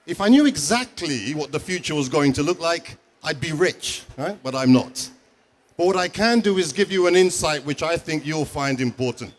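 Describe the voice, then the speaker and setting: A man, a school principal giving a conference talk and often asking the audience questions. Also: on the high side. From England. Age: 40s. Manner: engaging, asks the audience questions.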